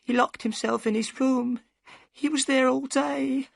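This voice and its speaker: A reader voicing a tall, frightened old housekeeper woman who pleads in a high, trembling voice, in a storybook reading. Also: fairly even intonation, unhurried, gravelly, no room sound, studio quality, exaggerated voice. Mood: pleading. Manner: high-pitched, pleading, tearful.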